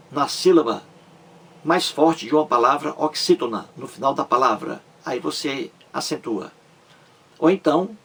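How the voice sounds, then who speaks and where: Male grammar teacher, slow, patient and repetitive, slightly husky. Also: medium pitch, fairly bright tone. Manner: slow and repetitive, stresses syllables, asks "entendeu?". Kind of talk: explanatory lesson.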